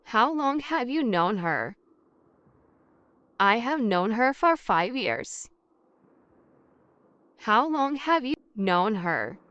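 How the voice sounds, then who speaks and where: A woman's voice: on the high side, very animated, extremely slow, pauses often, fairly bright tone, clear, resonant tone, dry recording, dull audio. A woman reading a scripted English practice dialogue, carefully enunciating each question and answer and repeating every exchange twice. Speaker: language teacher.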